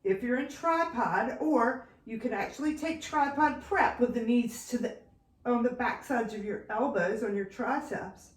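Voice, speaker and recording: A woman yoga instructor with a fairly high, slightly slow voice calls out poses during a flow class, and the room is reverberant. Her cues are calm and directive, though she sometimes sounds a little winded as she moves.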